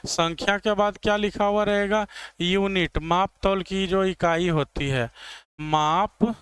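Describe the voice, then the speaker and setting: In a classroom lecture, a male English teacher explains grammar step by step, checking understanding by asking students "clear?". His high-pitched voice is fairly bright, with a steady tone and measured pace, and there's no echo.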